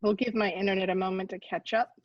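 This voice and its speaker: A Japanese woman, native in Japanese but speaking with an American accent, gives a friendly, chatty online presentation as a university ombudsperson, dropping many ums. Her mid-range voice is level and fast. The dry, dull lo-fi audio comes over a video call.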